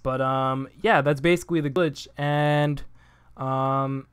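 A man's voice: mid-range voice, fairly even intonation, slow, clear, resonant tone, no echo. Rambling young man explaining a game. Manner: rambling, full of fillers and self-corrections. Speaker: gaming video creator. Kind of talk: casual game tutorial voice-over. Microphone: desk USB microphone.

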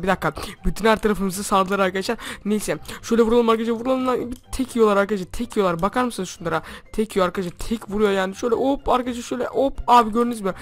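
A man playing Minecraft for his channel, chattering to his viewers in a hushed voice because it is late at night. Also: high-pitched. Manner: chatty, constantly addressing viewers. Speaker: gaming YouTuber. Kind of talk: Minecraft let's play with role-play.

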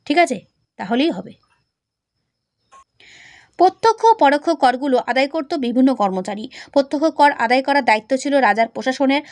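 A woman teacher talks fast in a high voice. She explains a point and then quizzes the listener on it. The sound is dry and close, with no room echo. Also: darkish tone. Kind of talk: classroom lecture.

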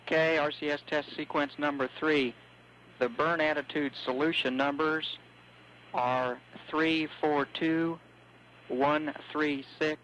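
Male ground communicator over radio; slow, methodical number reading, faint hum behind. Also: fairly high pitch, a bit bright, muffled recording. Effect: radio transmission sound. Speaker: ground communicator to a spacecraft crew.

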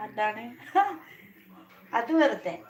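A woman's voice: mid-range voice, lively intonation, drawn-out words. A woman hosting a casual live stream from home, chatting with viewers by name and asking how they are while she minds her children. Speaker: live-stream host and mother. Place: noisy home room, with children and a TV nearby. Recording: roomy, noisy home phone recording.

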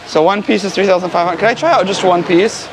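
A travel vlogger from the United States walks a busy city street, casually explaining local food and words to his viewers. His voice is high and quick, with street noise and traffic in the background.

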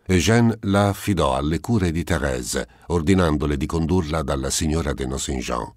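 Man narrating an audiobook, deep voice, solemn measured reading, dry sound. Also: lively intonation, a little mellow, no echo. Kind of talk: scripted literary narration.

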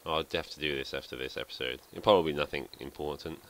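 A man with an extremely deep yet bright, forward voice talks through his game in a loose, rambling way. He thinks aloud and pokes fun at himself as he goes, like a let's play host chatting to viewers. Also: steady tone, quick pace, slight background noise. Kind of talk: casual gameplay commentary.

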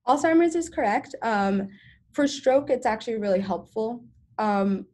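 A woman's voice: on the high side, lively intonation, normal speed, warm tone. A young woman giving an informal science presentation on a video call, talking casually with many ums and self-corrections. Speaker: student presenter.

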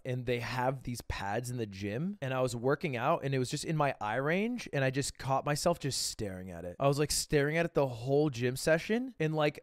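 A man in his twenties giving casual, exclamatory live-stream commentary on a close mic, swearing freely. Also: medium pitch. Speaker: streamer reacting to a speedrun video. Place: indoor room at home. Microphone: close boom-arm microphone.

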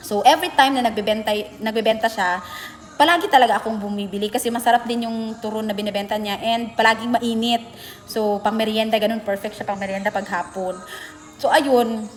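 A woman's voice: on the high side, fairly even intonation, brisk, long reverb tail, faint music behind. A young Filipina teacher in a chatty, emotional way telling a classroom story, switching between Tagalog and Bisaya. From Philippines. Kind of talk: casual storytelling vlog.

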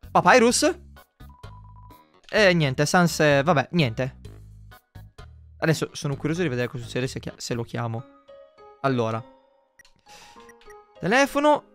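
A man giving casual let's play commentary as a gaming YouTuber, laughing and swearing in quick asides. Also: on the high side, very animated, a bit bright, faint music behind.

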